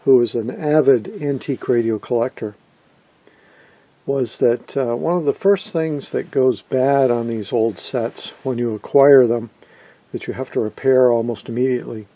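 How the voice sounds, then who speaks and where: Off camera at a workbench in his indoor workshop, a middle-aged vintage radio hobbyist explains what he is doing during a hands-on demonstration, in a casual, matter-of-fact manner. His voice is medium-pitched, mellow and unhurried, with no room sound.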